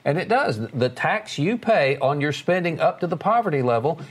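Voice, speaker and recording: A man's voice: fairly high pitch, animated, normal speed, slightly rough. A man co-hosting a podcast in casual chat, folksy with joking asides. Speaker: podcast co-host.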